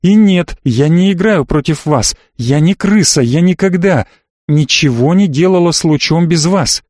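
A sharp-tongued young woman, put on by a male audiobook reader, who talks back in scornful, clipped retorts. The voice sits noticeably higher than the reader's usual voice, in a dry, close recording. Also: lively intonation, a little slow, no room sound. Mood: defiant.

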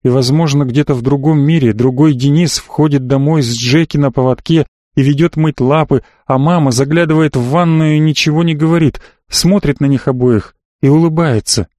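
A man narrating a novel as an audiobook, in a measured, even storytelling manner. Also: on the high side, no echo, studio quality. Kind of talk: scripted narration.

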